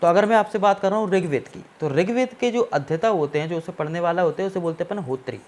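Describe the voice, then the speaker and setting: A male teacher works through an exam-prep history lecture at a steady, explanatory pace. He keeps stopping to check that his students follow, and he drops English terms into his Hindi as he goes. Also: sits high, fast. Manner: explanatory, repeats "ठीक है ना" to check understanding; mixes English words into Hindi.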